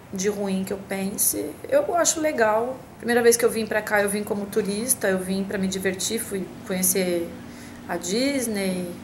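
Woman from Brazil, home vlogger, mid pitch, chatty with lots of restarts, slight room hiss. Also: rough recording. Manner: chatty, hesitant, many restarts and fillers. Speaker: vlogger answering a tag. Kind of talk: casual talk to camera.

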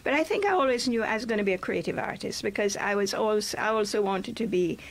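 A woman's voice: medium pitch, expressive, fast talker. An older woman from Jamaica with a Jamaican accent, speaking as a guest in a radio interview in a reflective, chatty way. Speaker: guest poet. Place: small radio studio, indoors. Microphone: studio microphone on a boom arm.

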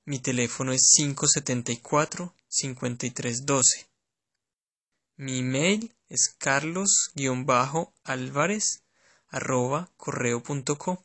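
A man with a Colombian Spanish accent giving a clear, steady scripted self-introduction for a language lesson. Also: medium pitch, takes it slowly.

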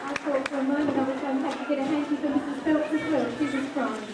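A woman's voice: high-pitched, fairly even intonation, fast talker. A woman presenting at a school event in a cheerful, encouraging tone, heard on an old VHS home video taped from across a large hall. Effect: old VHS home video tape sound. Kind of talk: announcing to an audience. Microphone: camcorder mic from across the hall. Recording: echoey hall, distant mic, crowd and tape noise. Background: loud audience chatter and tape hiss.

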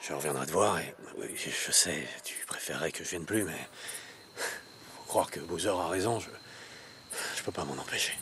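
An actor playing a gruff, brooding male biker drifter in a video game, with a gravelly, terse delivery. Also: deep voice, normal speed, pushed and bright, a little hiss or hum. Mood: subdued, tender.

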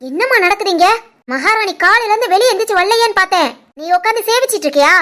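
A woman voicing a spiteful, taunting young sister-in-law in an animated family cartoon, with a Tirunelveli Tamil accent. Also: extremely high pitch, quick pace. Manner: taunting, accusing.

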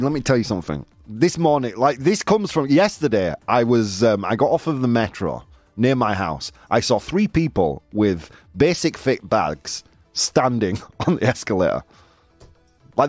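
A man reads listener comments on his casual live talk show and reacts with animated, jokey disbelief, regularly punctuating his lines with "dude." His voice is mid-range, and the audio has no echo.

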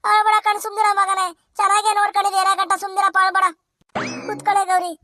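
A woman's voice: extremely high pitch, little pitch movement, sharp tone, faint music behind. A woman voicing a greedy, bloated old village grandmother in a cartoon, fussy and whiny. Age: older. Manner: fast, whiny rural chatter. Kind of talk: cartoon comedy voice acting.

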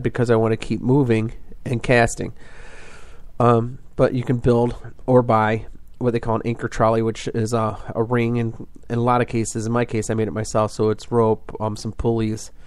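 A man's voice: medium pitch, little pitch movement, moderate pace, a little mellow. A man hosting a fishing podcast, explaining things in a casual, rambling way full of fillers and restarts.

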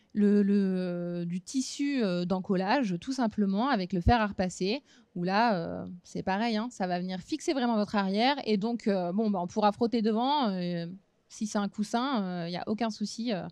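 A woman in her thirties giving a relaxed craft demonstration at a fair booth, talking casually with frequent hesitations. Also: mid-range voice, no room sound. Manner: relaxed, chatty, many hesitant fillers. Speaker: craft instructor. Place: small trade-fair stage booth.

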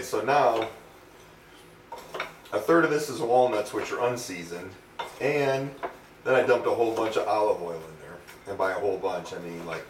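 A man's voice: on the low side, background noise. A middle-aged man hosting a home cooking demonstration, talking casually with wry, self-mocking, rambling asides. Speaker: home cooking show host. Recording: roomy echo, distant mic.

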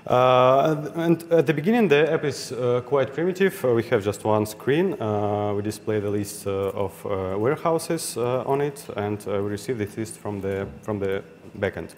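Speaking at a moderate pace with few pauses, this conference speaker has a mid-range, slightly mellow voice and a Russian accent. The young man still stumbles through his technical meetup talk with fillers and restarts, heard with hall reverb and faint background noise before an audience.

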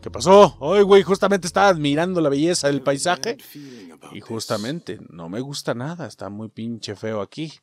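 A man with a Mexican accent giving profane, excitable let's play commentary and yelling at enemies. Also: on the high side, normal speed. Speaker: gaming host.

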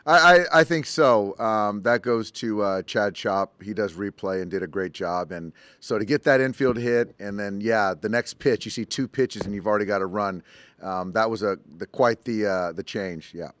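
A middle-aged man, a baseball manager, answering postgame press conference questions in a measured, halting way with many ums, at a table mic. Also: on the low side, a bit bright, dry recording. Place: press conference room, indoors. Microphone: table mic in front.

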